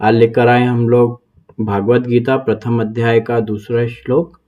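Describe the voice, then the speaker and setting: A man's voice: mid-range voice, flat delivery, measured pace, narrow, tinny audio. A man, hosting his channel and patiently explaining and reciting a Sanskrit verse step by step. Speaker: Gita teacher, channel host.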